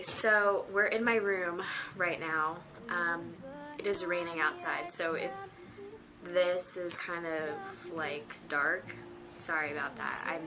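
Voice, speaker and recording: On a rainy day in her bedroom, a teenage vlogger of nineteen talks casually to camera in a lowish voice, rambling and filling gaps with lots of fillers. The background is noisy.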